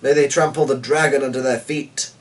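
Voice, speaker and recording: A man's voice: medium pitch, fairly even intonation, brisk, close to an everyday voice. A man voicing a stubborn, pious hero defying the devil in a dramatic story reading, recorded from some distance. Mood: defiant. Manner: defiant, urgent. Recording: voice far from the mic.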